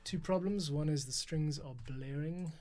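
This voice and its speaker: A man who edits and hosts a podcast thinks aloud in casual commentary while he works, muttering to himself, humming and counting along. His voice is fairly high and his pace measured. Loud music sits over his voice, and keyboard typing can be heard.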